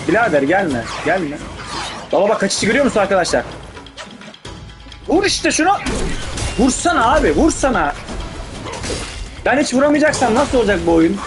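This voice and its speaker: A man doing casual gameplay commentary in street slang, swearing heavily and given to excitable, urgent outbursts. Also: sits high. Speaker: gaming video host.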